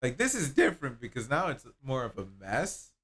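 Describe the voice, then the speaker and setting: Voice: mid-range voice, wildly swooping pitch, brisk, a bit bright. A streamer chatting casually and laughing while playing a game on a live stream, rambling with restarts.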